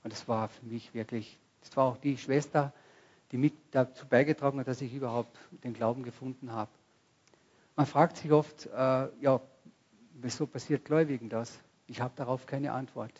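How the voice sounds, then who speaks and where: A man's voice: medium pitch, fairly even intonation, normal speed, breathy edge, muffled recording. A man preaching a sermon to a congregation, speaking conversationally and asking the listeners questions directly. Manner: rises to loud bursts when quoting cries. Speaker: pastor. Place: church service before a congregation.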